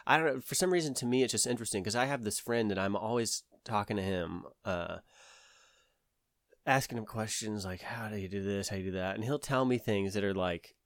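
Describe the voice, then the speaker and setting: A man's voice: lowish voice, a little fast, no room sound, studio quality. A man from the American South with a Southern accent, telling a long story in casual conversation, rambling with many fillers and restarts.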